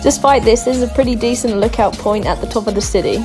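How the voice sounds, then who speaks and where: A woman's voice: fairly high pitch, fast talker. A young Australian woman from Darwin giving a chatty, upbeat, scripted travel voice-over full of tips. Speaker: travel vlogger. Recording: voice-over with loud background music.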